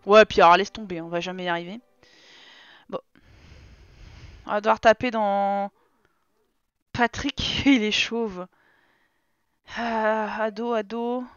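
A woman's voice: medium pitch, fairly even intonation, slow, pauses often, clean tone, no room sound, highs cut off. A woman streamer giving casual let's-play commentary, talking to and scolding her game characters in an exasperated way. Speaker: gaming streamer.

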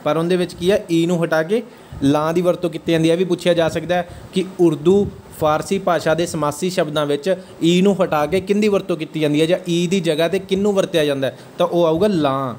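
Man, grammar teacher, exam-prep lecture, keeps asking if it's clear, slightly high voice, faint background noise. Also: steady tone, quick pace, a little mellow. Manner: checks understanding with repeated questions.

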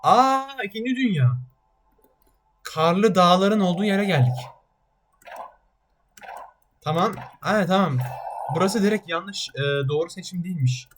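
A man giving excitable let's-play commentary while gaming, yelping at near misses. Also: high-pitched, a little slow, long pauses, music in the background. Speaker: gaming channel host.

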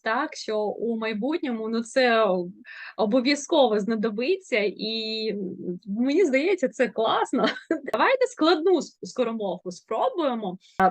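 Woman, Ukrainian accent, diction teacher, lively pitch swings, dry close sound. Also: dry recording. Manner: animated, demonstrates tongue twisters at speed. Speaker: speech coach.

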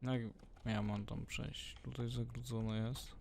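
A man's voice: mid-range voice, flat delivery, unhurried, creaky, background noise. A man with a strained, sore-throated voice giving casual, slangy let's play commentary, often muttering and swearing to himself. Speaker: gaming YouTuber, host of a retro game series. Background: game gunfire and ambience.

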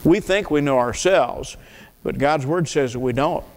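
A man's voice: fairly high pitch, measured pace, a little mellow. An older man preaching an earnest sermon at a church pulpit, asking the congregation questions and often repeating words. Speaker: pastor. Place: church sanctuary, at a wooden pulpit. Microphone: pulpit mic. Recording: long reverb of a church hall.

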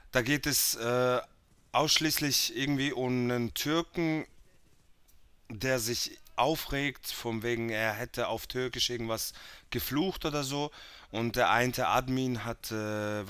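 A man's voice: mid-range voice, bright, forceful tone, clear, resonant tone, no room sound. A man hosting casual video commentary, chatty and loose. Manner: chatty, loose, with fillers and quick laughs.

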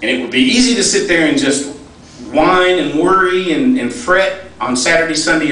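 Here a middle-aged man's voice, somewhat high and a bit bright, carries a folksy storytelling speech at a fundraising event. The setting is a large, echoey hall, recorded through a distant microphone with a little noise.

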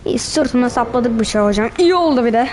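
A woman with a high voice narrates her own match as she plays. She teases and insults the other players in a loose, trash-talking way. A faint hiss sits under the recording. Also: lively intonation, fast, darkish tone. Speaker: gamer. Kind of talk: gameplay commentary.

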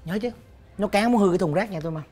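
A man with a Southern Vietnamese accent acting a nosy neighbor in a comedy sketch, reacting and complaining excitably, with music behind. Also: sits high, rapid-fire. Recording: background music under the dialogue.

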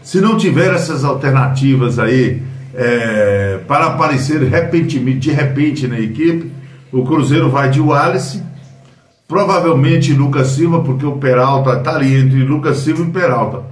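A man's voice: mid-range voice, moderate pace, distant mic. A man in his fifties with a Brazilian accent, hosting casual football news commentary at home, rambling with fillers and self-corrections. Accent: Brazilian Portuguese. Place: small room at home. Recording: roomy echo, voice a bit off-mic.

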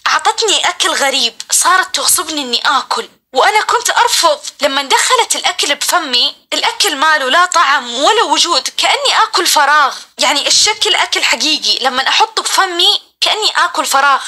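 Young woman, high voice, fast, dramatic horror storytelling. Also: pushed and bright. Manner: dramatic, breathless retelling. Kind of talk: first-person horror story narration.

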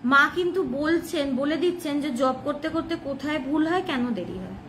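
A woman's voice: high voice, sing-song, a little fast, background noise. A woman with a Bengali accent giving a devotional talk, earnest and explanatory, asking questions and answering them herself. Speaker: devotional speaker.

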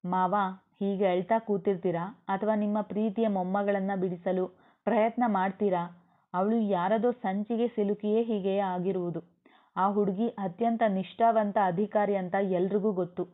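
A woman voicing a steady grown man who urges action with firm, practical persuasion. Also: medium pitch, moderate pace, natural voice. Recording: tinny phone-like audio.

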